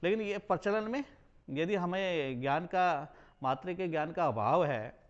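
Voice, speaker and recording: Man, college lecturer, spelling lesson, unhurried, repeats and corrects words, muffled lo-fi sound. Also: a little high, animated. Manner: slow, deliberate, repeats and corrects words while explaining. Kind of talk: recorded Hindi spelling lesson.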